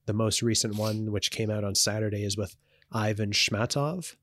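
Low-voiced man rambling on a podcast. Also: moderate pace, a bit bright. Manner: rambling, many fillers and restarts. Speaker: podcast co-host. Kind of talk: casual podcast chat.

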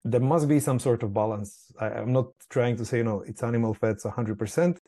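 Dark-voiced man, halting speech. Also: medium pitch. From Croatia. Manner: hesitant, frequent word repeats and fillers. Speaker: skincare company founder, guest. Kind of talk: casual interview talk.

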